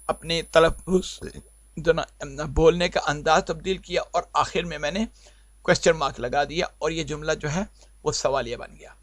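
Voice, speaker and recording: A man's voice: fairly high pitch, no room sound. A man teaching a spoken English lesson, explaining patiently and answering his own questions. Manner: explains patiently, repeating points and asking himself questions.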